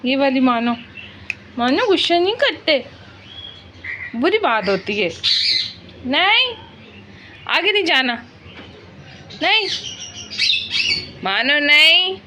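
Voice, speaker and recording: Pakistani woman vlogger, slow, high and lively voice, chiding her pet over chirping birds and background noise. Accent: Pakistani Urdu. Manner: scolds and coaxes a pet parrot in a singsong voice. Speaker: home cooking and pet vlogger. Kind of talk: casual vlog, talking to pets. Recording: noisy home clip with bird chirps.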